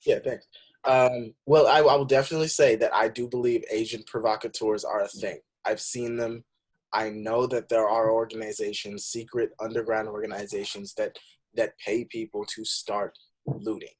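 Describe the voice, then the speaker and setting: A man's voice: fairly low pitch, little pitch movement, normal speed, slightly rough. A young man from the Bay Area talking earnestly in a casual group discussion, building to emphatic points. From San Francisco Bay Area. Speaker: panel guest.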